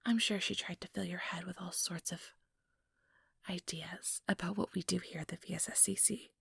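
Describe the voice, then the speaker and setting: A woman plays an ambitious female vampire in an ASMR role-play, whispering intimately into a close mic in a dry recording with no echo. Her full character voice is lowish, extremely breathy and creaky, with fairly even intonation, measured, condescending, manipulative and quietly, smoothly persuasive.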